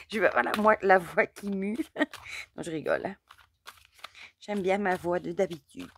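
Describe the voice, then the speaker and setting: A hoarse mother, chatting in a rambling way as she hosts an oracle card reading. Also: on the low side, expressive, moderate pace, a little hiss or hum. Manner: chatty and rambling, many fillers. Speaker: oracle card reader, channel host. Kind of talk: casual chat during a card reading.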